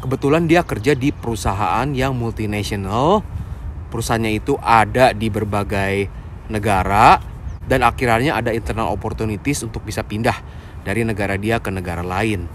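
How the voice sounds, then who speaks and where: A man's voice: on the low side, normal speed. A young man talks through a casual vlog story. He is conversational and slangy, with plenty of fillers. Faint construction sounds carry in from next door. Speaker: vlogger. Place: recorded with construction and trucks nearby. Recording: faint construction noise behind.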